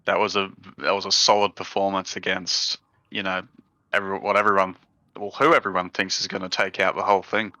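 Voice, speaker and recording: Deep, bright-voiced male co-caster. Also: level tone, brisk, dry recording. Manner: short agreeing interjections. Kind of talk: live esports color commentary.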